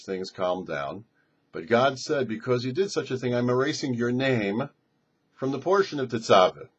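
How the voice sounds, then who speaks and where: With a breathy edge to his medium-pitched voice, a rabbi and show host offers religious instruction on a Torah portion, pressing his points with emphatic phrasing. The audio is dull and lo-fi.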